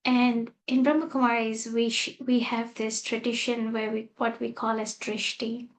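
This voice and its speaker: A woman from Malaysia gently telling a personal spiritual story as a guest speaker, with soft fillers. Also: on the high side, little pitch movement, moderate pace, slight background noise, poor audio. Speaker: guest speaker, meditation teacher.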